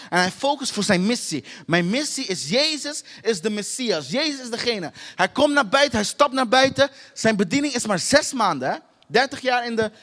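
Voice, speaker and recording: High-voiced man preaching in a reverberant hall. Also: a bit bright. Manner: repetitive, emphatic, rhetorical questions to the congregation. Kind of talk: sermon.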